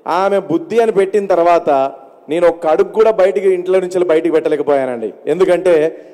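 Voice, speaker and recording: A man's voice: sits high, brisk, dark tone. A man doing stand-up comedy with mimicry on stage, telling his stories chattily and landing punchlines. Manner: chatty storyteller, punchline delivery. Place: stage at an award ceremony. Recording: reverberant stage PA sound.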